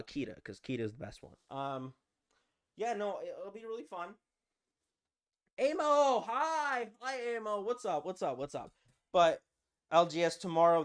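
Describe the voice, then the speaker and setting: A young adult live-stream host in casual chat with viewers, playful and animated, often repeating short phrases. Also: medium pitch. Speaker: livestream host.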